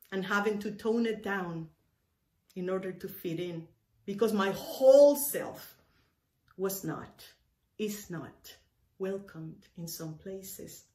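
A woman minister originally from Cuba speaks to camera in a mid-range, somewhat mellow voice, preaching a sermon. Her delivery is emphatic and deliberate, leaning on repetition. Bookshelves fill the indoor room, which lends the recording a roomy echo.

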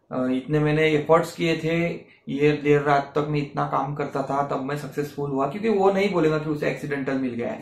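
A man's voice: a little high, roomy sound, slight background noise. A man giving an earnest motivational talk to camera, explaining his points with repeated examples. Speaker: self-help YouTuber.

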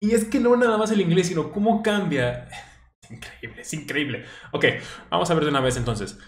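A man's voice: sits high, expressive, a little fast, reverberant. Upbeat man explaining a language lesson. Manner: chatty, enthusiastic, with frequent restarts. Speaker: language teacher and channel host. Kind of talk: casual educational commentary.

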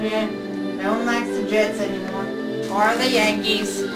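A woman's voice: medium pitch, steady tone, measured pace, over loud music, lightly acted. A young woman playing a folksy Old West saloon keeper in an amateur Western parody. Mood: folksy, chatty. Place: basement den at home. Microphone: camcorder across the room. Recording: roomy, distant camcorder sound.

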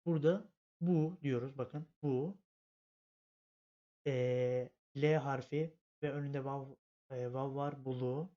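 Slow and fairly even in intonation, this man's mid-range, dark-toned voice guides a language lesson, spelling letters out patiently one step at a time and frequently repeating himself. The home recording sounds dull and lo-fi.

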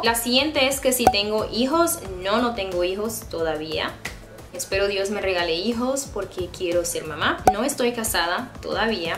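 A woman's voice: medium pitch, roomy sound. A woman in her twenties from Honduras with a Honduran Spanish accent, chatting casually and playfully to camera as a YouTuber. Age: 20s. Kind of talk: casual vlog chat to camera. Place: small indoor room by a plain grey wall.

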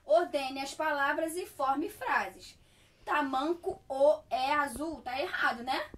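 A woman's voice: high-pitched, fairly bright tone, distant mic. A woman teaching a primary school class, reading workbook exercises aloud and stretching out words for young children. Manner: slow, drawn-out words for young children, checking "tá?".

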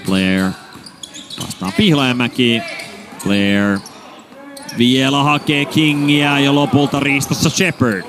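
A man's voice: mid-range voice, background noise. Man calling a basketball game. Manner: rapid name calls, bursts of excitement on baskets. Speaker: play-by-play commentator. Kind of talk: live basketball commentary.

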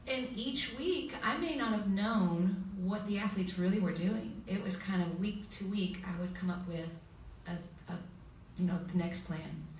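A woman panelist telling a heartfelt personal story with many pauses, recorded in a school hall. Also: medium pitch, darkish tone. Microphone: table mic heard from far camera. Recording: echoey hall from far off, faint noise.

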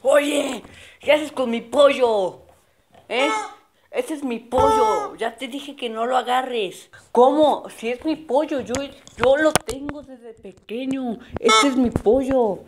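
A woman voicing a bossy, possessive young kid in a homemade cartoon, shouting insistently. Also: high voice, slow, very noisy, voice pushed up. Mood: indignant.

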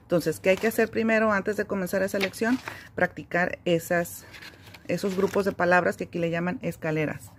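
A woman with a slightly low voice walks through a reading lesson step by step. She talks in an easygoing, explanatory way, pausing on fillers as she goes. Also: slight background noise. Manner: relaxed, explanatory, frequent fillers. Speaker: homeschooling teacher.

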